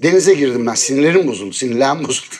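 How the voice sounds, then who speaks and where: A man hosting a talk show, telling a story in an animated, exasperated way. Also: mid-range voice, rapid-fire. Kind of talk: casual chat, telling a story.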